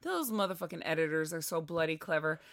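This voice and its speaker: A woman's voice: low-pitched, no room sound, studio quality. A woman co-hosting a casual podcast chat, swearing freely and joking as she talks. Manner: profane, animated, quick to joke. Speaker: podcast co-host.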